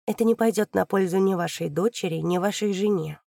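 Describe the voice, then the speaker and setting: A woman reading an audiobook, voicing a fearless female investigator who argues in a calm, methodical way. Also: medium pitch, a little fast, creaky, no room sound, clean studio sound. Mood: pressing.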